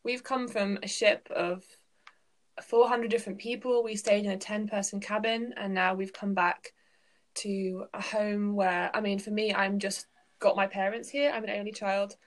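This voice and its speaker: A woman co-hosting a casual podcast, talking in an earnest, reflective, soft-spoken way with some ums and likes. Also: medium pitch, fairly even intonation, moderate pace. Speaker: podcast co-host. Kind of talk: casual chat.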